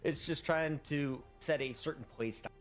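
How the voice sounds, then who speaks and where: Brief: male esports broadcast host, conversational, slightly higher voice. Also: moderate pace, soft background music. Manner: conversational, poses questions to the panel. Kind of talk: broadcast desk discussion.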